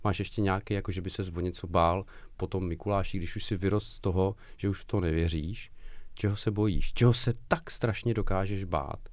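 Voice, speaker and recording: A man co-hosting a casual podcast chat, blunt and animated, swearing freely. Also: low-pitched, dry recording. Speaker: podcast co-host.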